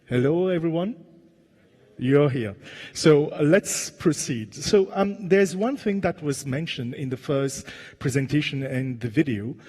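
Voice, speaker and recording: A man from Mauritius moderating a conference panel, halting with many fillers and asking the audience questions. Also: on the high side, expressive, a little mellow. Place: large conference hall. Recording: long reverb of a conference hall.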